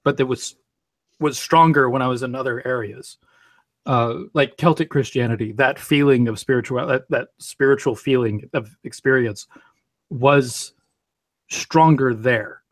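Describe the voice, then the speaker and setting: A man speaking bluntly and tersely in a casual online debate hangout. His voice sits at an ordinary pitch. The sound is dry and close. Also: unhurried, no echo. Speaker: pagan guest in a debate hangout.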